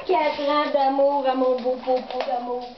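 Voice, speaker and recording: A Québécois woman coos at her dog in a high, slow, doting baby-talk voice, laughing as she goes. The sound is dull and echoey, with steady noise behind her. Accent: Québécois French. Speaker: dog owner. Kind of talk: home video talking to her dog. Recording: echoey, dull, noisy home recording.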